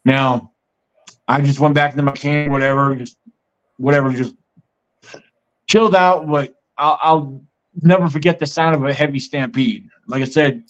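A man's voice: mid-range voice, moderate pace, long pauses. Man telling a meandering story, muffled audio. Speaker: podcast host. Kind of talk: casual storytelling.

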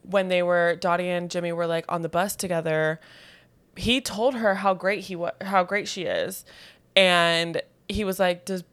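A woman's voice: lowish voice, fairly even intonation, unhurried, a bit bright, clean tone. A woman co-hosting a podcast, chatting casually and animatedly retelling movie scenes. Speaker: podcast co-host. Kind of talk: casual chat.

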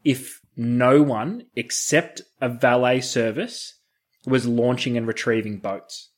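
A man with an Australian accent chats casually at a middling pitch. He uses laid-back, colloquial slang and sounds like a co-host on a talk show. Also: fairly even intonation, slow pace. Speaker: podcast co-host. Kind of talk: casual chat.

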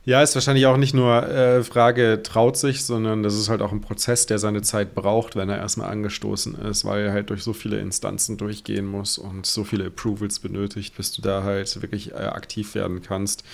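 A man co-hosting a podcast, talking in a casual, animated and sarcastic way, often chuckling. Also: lowish voice, normal speed, gravelly, few pauses. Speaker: podcast co-host. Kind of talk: casual chat.

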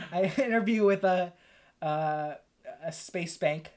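A man co-hosting a comedy podcast, teasing his partner with playful, deadpan jokes. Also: high voice, slow pace. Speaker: podcast co-host. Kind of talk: improvised comedy banter.

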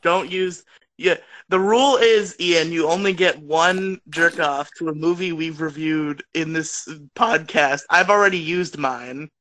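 Co-hosting a movie review podcast from his bedroom, a young man bantering casually laughs often and protests in mock outrage. His slightly high voice sounds pushed and bright at a measured pace, and the recording is low quality.

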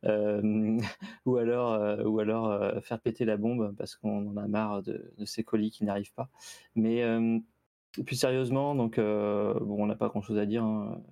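A man's voice: lowish voice, little pitch movement, unhurried, gravelly, warm tone, dry recording. A man co-hosting a casual gaming news chat, speaking hesitantly with many fillers. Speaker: co-host.

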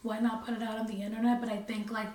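A woman co-hosting a casual podcast in a living room, her voice hoarse and worn, talking in quick chatty bursts. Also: a little high, level tone, a little mellow. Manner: chatty, quick, laughing between lines. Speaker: podcast co-host. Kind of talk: casual chat. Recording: roomy echo, mic far off.

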